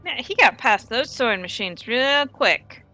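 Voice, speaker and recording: A woman playing a tabletop game, chatting casually and asking quick questions. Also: a little high, animated, pushed and bright, faint music behind. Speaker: player.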